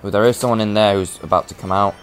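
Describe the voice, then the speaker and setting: Over soft background music, a man with a lowish voice and fairly even intonation speaks quickly. This gameplay commentator rambles through a casual let's play, narrating his moves, restarting often and gradually losing his voice.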